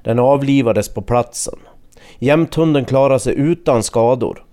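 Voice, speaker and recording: A man reporting the news in a measured, scripted narration. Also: medium pitch, warm tone.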